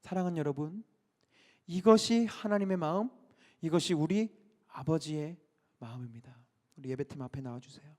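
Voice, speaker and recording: A man's voice: fairly high pitch, moderate pace, darkish tone. A male pastor preaching an impassioned sermon full of rhetorical questions.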